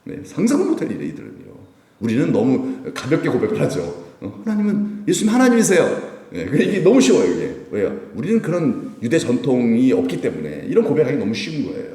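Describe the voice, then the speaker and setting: A pastor delivers a Friday night sermon with a lively, swinging voice, asking questions of his listeners and acting out quotes. The sound is roomy and echoing, and he is heard from a distance, away from the microphone. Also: mid-range voice, fast. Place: church sanctuary. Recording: echoey room, voice from a distance.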